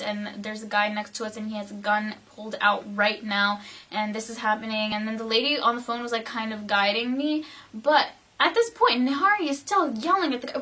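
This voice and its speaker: A young woman vlogger telling a dramatic personal story in a rambling, animated way, full of "like". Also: a little high. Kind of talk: storytime vlog.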